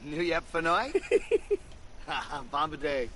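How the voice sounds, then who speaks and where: A man's voice: on the high side, bright, forceful tone, a little hiss or hum. A man on a live game stream, reading out strings of made-up silly names in a playful, giggly way. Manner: playful, giggly, drawn-out nonsense words.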